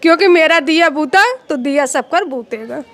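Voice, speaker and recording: A middle-aged woman with a high-pitched voice speaks in urgent, distressed bursts. She is a grieving mother giving testimony to a reporter, her words pressing and pleading. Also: normal speed, a bit bright. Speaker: victim's mother. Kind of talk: interview testimony.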